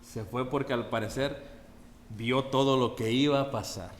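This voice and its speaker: A man's voice: mid-range voice, steady tone, normal speed, roomy sound, big-room sound. A man preaching a sermon in a conversational way, often asking the congregation questions. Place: church.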